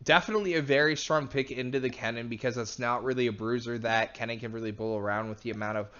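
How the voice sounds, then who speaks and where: Male esports caster, chatty and analytical, mid pitch, muffled lo-fi sound. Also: steady tone, fast, fairly bright tone, smooth. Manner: chatty, analytical, laughs often. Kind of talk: play-by-play commentary.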